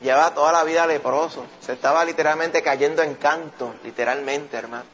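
A male preacher delivers a sermon in a lively, storytelling way, often calling out to his brother listeners. His voice sits a bit high. The recording sounds dull and lo-fi. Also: a little fast, a little hiss or hum.

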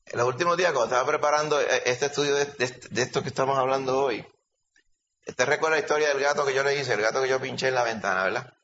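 A man preaching an animated sermon, telling stories and calling listeners brother. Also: mid-range voice, quick pace, slight background noise. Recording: dull lo-fi recording, faint ambience.

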